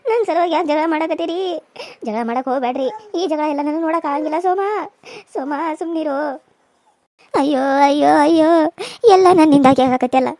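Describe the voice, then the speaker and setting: A woman's voice: high-pitched, fairly quick, warm tone, no echo, natural voice. A woman voicing a frail, dying old village mother, wailing and pleading.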